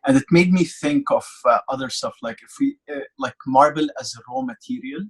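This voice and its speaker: A man's voice: medium pitch, expressive, brisk, slightly rough, poor audio. A man interviewing an artist, asking a long, rambling question while searching for words.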